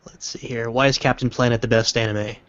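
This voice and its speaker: A man's voice: mid-range voice, fairly even intonation, a little fast, dry recording, dull audio. A man co-hosting a casual livestream, reading out questions and teasing his partner with dry remarks. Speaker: co-host asking questions.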